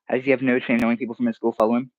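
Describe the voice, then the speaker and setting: A man's voice: medium pitch, little pitch movement, rapid-fire, no echo, lo-fi sound. Young man rambling through a mocking livestream. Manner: rambling, mocking, restarts mid-sentence. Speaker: streamer. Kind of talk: casual livestream commentary reading comments.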